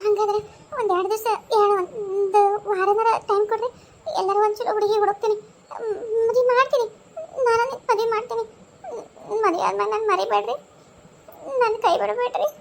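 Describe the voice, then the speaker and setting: A woman's voice: very high voice, fairly even intonation, a little fast, pauses often, slight background noise. A woman with a North Karnataka accent voicing a tearful, self-sacrificing young wife in a cartoon, pleading and sorrowful. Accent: North Karnataka Kannada. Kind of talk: cartoon voice acting.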